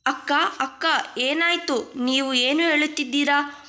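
An eager younger sister in a cartoon tale, as a woman puts her on, pitched well up and bright. She sounds quick and keen. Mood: surprised.

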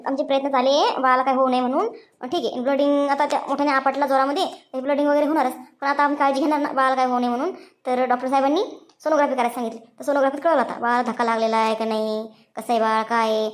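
A woman voicing a calm female hospital doctor in a cartoon story, explaining patiently. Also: sits high, racing, natural voice.

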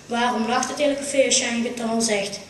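A woman's voice: fairly high pitch, steady tone, a little fast, a little hiss or hum. A woman with a Brabant Dutch accent performing a comic stage monologue at a carnival show, telling a story full of punchlines. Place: small theatre stage. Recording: roomy, distant amateur stage recording.

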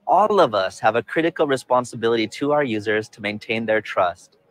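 A man's voice: medium pitch, animated. Man giving a polished tech keynote. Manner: upbeat, measured corporate delivery. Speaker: tech company presenter. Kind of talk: scripted keynote presentation. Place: outdoor rooftop in a city.

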